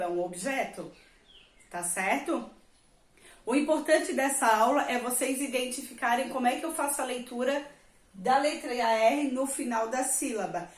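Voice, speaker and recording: A woman teacher, patiently explaining a reading lesson to young children, drawing out the example words and checking in often. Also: on the high side. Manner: stretches and stresses example words. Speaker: primary school teacher. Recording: echoey room.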